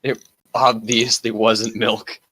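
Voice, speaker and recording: A man playing a tabletop game with deadpan remarks. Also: lowish voice, slow pace. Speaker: player. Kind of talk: tabletop game banter over voice chat.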